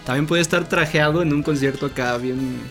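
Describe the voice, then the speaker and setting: A man's voice: on the high side, a little fast, fairly bright tone, faint music behind. A Mexican man co-hosting a casual podcast, opinionated and full of slang. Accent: Mexican Spanish. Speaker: podcast co-host. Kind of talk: casual chat.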